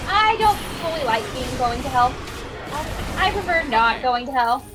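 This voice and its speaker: A woman's voice: high voice, animated, normal speed, over music. A woman chatting casually while gaming with friends, teasing and singsong, sometimes mock-whiny. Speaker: gamer co-host. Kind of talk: casual multiplayer gameplay chat. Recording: noisy recording.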